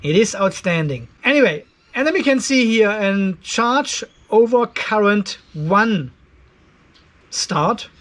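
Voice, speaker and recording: Speaking slowly but animatedly in a high, somewhat bright voice, a man in his fifties hosts an off-grid solar channel. In a cluttered garage workshop he delivers a casual explainer to camera, step by step, conversational and openly critical.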